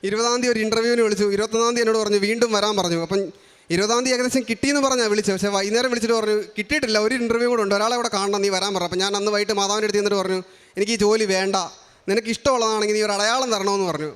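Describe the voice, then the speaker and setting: A man's voice: sits high, fairly even intonation, rapid-fire, a bit bright, clean tone. A young man from Kerala giving an earnest personal faith testimony, framing each remark as a quote. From Kerala, India. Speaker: testimony giver at a shrine.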